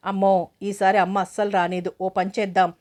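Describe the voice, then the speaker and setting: A woman voicing a curious, nervous young boy who speaks softly to his friend. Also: medium pitch, flat delivery, a little fast, natural voice. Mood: eager.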